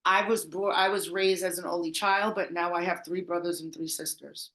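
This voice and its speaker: A middle-aged woman from the Bronx, New York, speaks in a lowish voice at a normal speed, and the room has an echo. She's a party promoter appearing as an interview guest, telling stories casually. Her delivery is animated and chatty, with frequent laughter and sentences she trails off and restarts.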